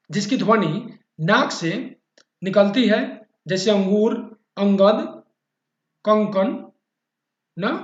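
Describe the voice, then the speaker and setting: A man teaching a grammar lesson, patiently repeating key terms and checking in often with his listeners. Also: high voice. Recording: echoey dull-sounding room.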